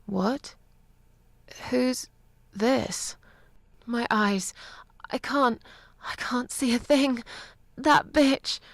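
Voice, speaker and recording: Wary horror game heroine, slow careful talk, dead dry sound. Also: female voice, a little high, gravelly, no echo, exaggerated voice. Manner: tense and wary, breaks into panic. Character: weary, guarded woman protagonist in a horror game. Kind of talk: video game voice acting.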